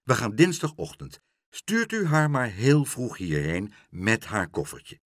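A man's voice: medium pitch, huge pitch swings, measured pace, dry recording, studio quality. A man doing a flustered, chaotic father. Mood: mock-proper. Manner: exclamatory, overly polite when acting proper.

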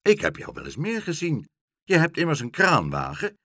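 A man voicing a boisterous, hospitable father in a children's story, talking loudly and heartily. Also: fairly high pitch, wildly swooping pitch, dry recording, clean studio sound, pitched above the performer's own voice, exaggerated voice. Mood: hearty. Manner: loud, hearty and hurried.

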